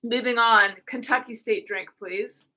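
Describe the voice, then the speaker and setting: A woman's voice: on the high side, fairly even intonation, a little slow, bright, forceful tone, rough recording. A woman hosting a casual chat, playfully reading out trivia and fighting a cough. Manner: playful, reads trivia aloud. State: coughing, a bit under the weather. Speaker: podcast host.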